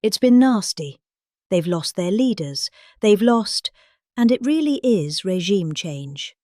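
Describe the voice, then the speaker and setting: Reading aloud for comic effect, a middle-aged British woman adopts a grave, pompous deadpan, her pitch rising and falling dramatically. She leans hard on emphasis and deliberate pauses, recorded up close and dry without any echo or room sound.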